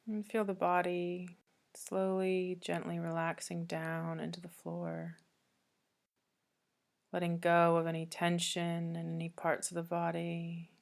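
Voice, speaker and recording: A yoga nidra teacher with a low, vocal-fry voice guides a meditation in a very flat, steady tone with little melodic movement. Her calming instructions are gentle, separated by long pauses.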